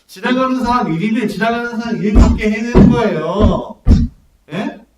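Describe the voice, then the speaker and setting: A male pastor preaching a sermon, animated and full of rhetorical questions to his congregation. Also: very high voice, moderate pace, heavy background noise. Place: church hall at a prayer meeting. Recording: echoey church hall, mic at a distance, congregation audible.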